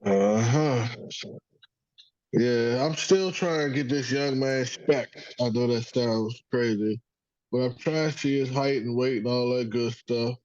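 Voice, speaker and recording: A man's voice: mid-range voice, measured pace, darkish tone, no echo, muffled recording. A man hosting a casual sports podcast, rambling and profane, joking with his son over a call. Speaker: podcast host.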